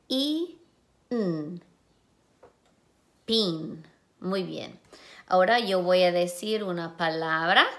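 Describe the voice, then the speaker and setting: A woman teacher leading a phonemic awareness lesson for young children, sounding out syllables slowly and clearly one phoneme at a time. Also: lowish voice. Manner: slow, clear, drawn-out sound-by-sound pronunciation.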